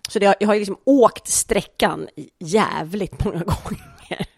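A woman's voice: medium pitch, gravelly, breathy edge, no echo, studio quality. A woman co-hosting a casual chat, chatty and self-mocking as she tells stories. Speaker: podcast co-host.

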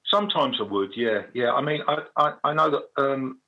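A middle-aged man with a gravelly, husky voice, telling anecdotes casually as an interview guest. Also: mid-range voice, normal speed, sharp tone, highs cut off.

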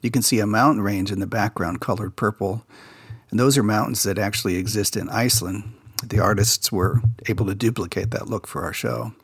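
A man's voice: fairly low pitch, a little fast, slightly rough, no room sound. A man hosting a podcast, casually recapping a children's TV episode and sharing behind-the-scenes production stories. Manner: relaxed insider storytelling, recounting production details.

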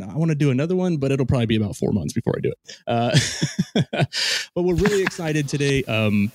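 A man's voice: medium pitch, a little mellow, no room sound, studio quality. A man hosting a podcast, chatting casually with guests in a loose, rambling way full of ums and restarts. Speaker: podcast host. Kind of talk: casual interview chat.

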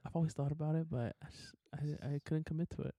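High-voiced gravelly young man teasing. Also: fast talker, mellow, no echo. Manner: teasing, joking. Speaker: podcast co-host. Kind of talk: casual chat.

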